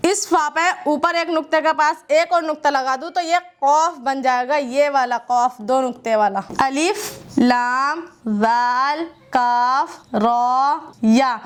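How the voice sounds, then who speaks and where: High-pitched woman, slow unhurried letter lesson, patient teacher. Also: a bit bright. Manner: patient, drawn-out letter names, pointing at the page. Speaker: Quran reading teacher.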